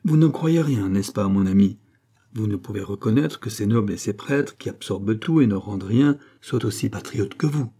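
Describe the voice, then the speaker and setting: A man's voice: fairly low pitch, lively intonation, normal speed, dark tone. A man reading an audiobook, voicing a grave, brooding male doctor and philosopher who lectures earnestly. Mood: persuasive.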